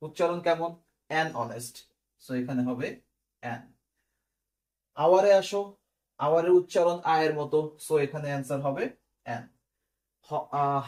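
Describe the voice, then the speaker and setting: In this recorded online lesson, a man whose voice sits on the high side and sounds a little mellow walks students through English grammar one step at a time. He quizzes them and often checks with a "clear?"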